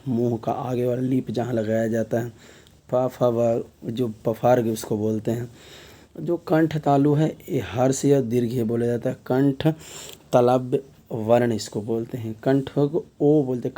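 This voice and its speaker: A man with a very dark, mellow voice takes students through an exam-prep grammar lesson. He explains step by step and keeps asking the key terms back as questions, with a filler tag dropped into his sentences. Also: medium pitch. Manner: frequent filler tags mid-sentence. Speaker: teacher.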